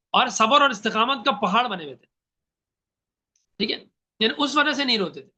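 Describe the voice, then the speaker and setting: A man's voice: very high voice, lively intonation, pushed and bright. A young man teaching a Quran commentary class, telling a story earnestly and putting questions to his students. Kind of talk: religious class lecture, storytelling.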